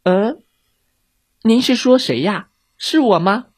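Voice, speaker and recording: A clever, cheeky little girl from a children's audio story, as a storyteller puts her on, pitched up high and bright. She plays innocent with a slightly husky edge, and her voice leaps up and down as she chatters. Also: expressive, slow pace, no echo, studio quality. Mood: sly.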